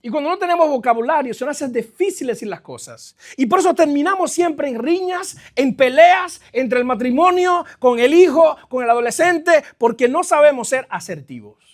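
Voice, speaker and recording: A middle-aged male pastor preaching a sermon in a church, swinging between loud exclamations and quiet stretches and slipping English phrases into his speech. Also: very high voice, expressive, moderate pace, few pauses.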